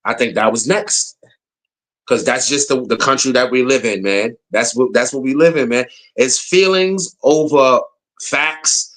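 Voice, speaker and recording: A man's voice: mid-range voice, measured pace, a bit bright. An American man giving a blunt, slangy political rant, repeating his points for emphasis. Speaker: political commentator. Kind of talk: casual opinion rant.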